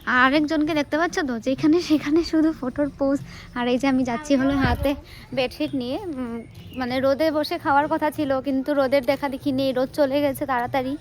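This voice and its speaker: Chatty fast-talking Bengali woman vlogging. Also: high-pitched, fairly even intonation. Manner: chatty, teasing, running commentary. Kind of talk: casual vlog narration while cooking. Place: home kitchen and outdoor yard.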